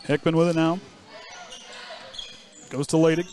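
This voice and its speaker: Broadcasting from a school gym, a man gives live play-by-play of a high school basketball game in a voice a little high for a man. His delivery is flat and unhurried, and he ribs his co-hosts in a joking tone between plays. Background noise is audible.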